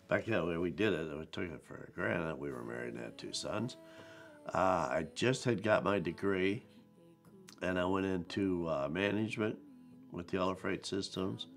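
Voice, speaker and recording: A man in his seventies with a very low, gravelly voice recounts his working years plainly, sometimes speeding up to make a point. Soft music plays faintly behind him. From Ohio. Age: 70s. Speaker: interviewee. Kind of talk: documentary interview storytelling.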